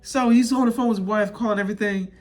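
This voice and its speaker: A man telling a personal story in a casual vlog, animated and repetitive, often laughing as he talks. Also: high-pitched, quick pace, faint music behind. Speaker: vlogger.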